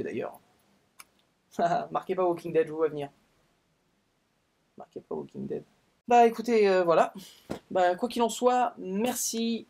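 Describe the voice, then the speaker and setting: A man's voice: high voice, a little mellow. Chatty man hosting a review show. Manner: chatty, filler-heavy, with frequent "euh" hesitations. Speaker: film and series critic, show host. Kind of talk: casual talk to the camera.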